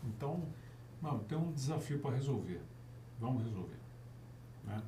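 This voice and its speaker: A man chatting in an easygoing, jokey way, often chiming in with quick agreement. His pitch moves a lot. He sits back from the microphone in an echoey room with faint noise behind. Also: animated, mellow, distant mic. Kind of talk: casual podcast chat. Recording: echoey room, further from the mic.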